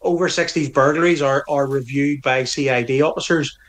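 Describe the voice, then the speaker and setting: A middle-aged Northern Irish man, a police association representative, answers interview questions in an earnest, firm way and keeps restarting his phrases. His mid-range voice moves at a fairly quick clip with fairly even intonation.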